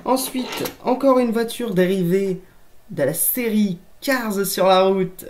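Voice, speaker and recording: A woman's voice: medium pitch, takes it slowly. A woman vlogger in a casual show-and-tell to camera, chatty and joking, talking to viewers as friends in a room at home. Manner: chatty, addresses viewers as friends, jokey asides. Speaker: toy collector vlogger. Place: room at home with a shelf of toys.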